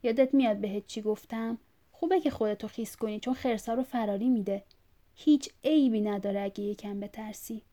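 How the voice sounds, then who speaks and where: A woman's voice: a little high, dark tone, lightly acted. A woman reading a story aloud, voicing a confused, bleeding old father who rambles and repeats himself insistently. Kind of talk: audiobook reading.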